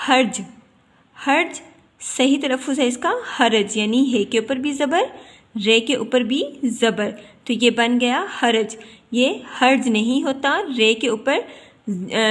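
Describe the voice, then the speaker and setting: Careful, slow-spelling woman teacher. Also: on the high side. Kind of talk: pronunciation lesson.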